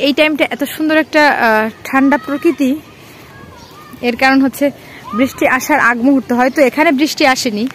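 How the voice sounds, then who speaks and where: A woman with a Bangladeshi accent and a high, fairly bright voice gives casual vlog commentary on open grassy ground by a school, chatting to children as she goes. Faint outdoor ambient noise is present.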